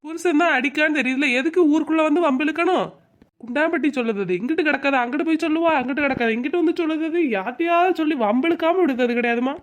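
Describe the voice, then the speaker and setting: Brief: woman voicing a snippy cartoon neighbor woman, rapid and high. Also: lightly acted. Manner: quick, snippy, gossiping.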